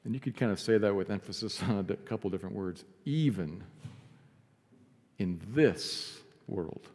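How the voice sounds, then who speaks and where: Low-voiced pastor preaching in a reverberant hall. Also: male voice, fairly even intonation, very fast. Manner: earnest preaching, drops to soft emphasis. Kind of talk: sermon. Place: church sanctuary.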